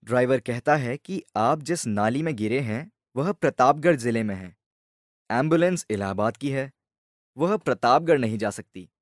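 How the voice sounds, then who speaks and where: A man voicing a calm, smiling village man. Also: mid-range voice, normal speed, dry recording, clean studio sound, lightly acted. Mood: calm, explaining. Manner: patient, explaining. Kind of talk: storybook voice acting.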